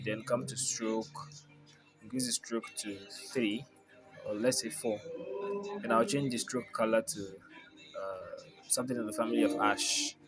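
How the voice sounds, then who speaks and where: A man's voice: lowish voice, poor audio. A man walking through a graphic design tutorial over a screen recording, narrating each step plainly as he works and thinking aloud.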